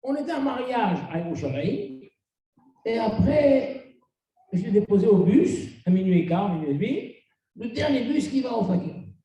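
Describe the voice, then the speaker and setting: A middle-aged man from Tunisia, a rabbi giving a sermon as an animated storyteller who acts out the dialogue. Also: high-pitched, moderate pace. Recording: very echoey room, mic far off.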